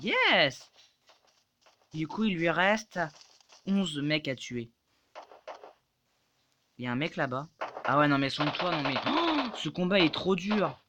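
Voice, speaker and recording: A man giving live gameplay commentary, excitable and swearing, yelping and shouting when in danger. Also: fairly high pitch, takes it slowly, long pauses, highs cut off, heavy background noise. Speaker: gaming YouTuber.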